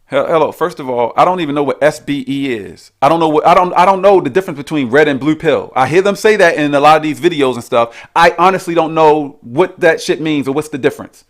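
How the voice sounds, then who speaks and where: A man's voice: a little high, quick pace, hardly any pauses. A man hosting his own channel, delivering an argumentative, repetitive reaction rant that keeps challenging the person he is answering. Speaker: commentary channel host.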